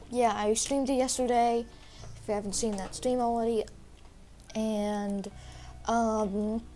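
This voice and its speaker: A young woman gaming YouTuber, sick and a little rough-voiced, gives a casual walkthrough of a game. She rambles and hesitates, using lots of fillers, in a slightly high, slightly mellow voice.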